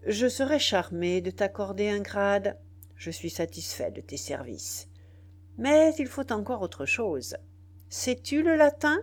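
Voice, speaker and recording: A woman voicing an imperious, crafty rebel general who scolds loudly in a raised voice, reading a classic novel aloud. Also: mid-range voice, big pitch swings, takes it slowly. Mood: cunning.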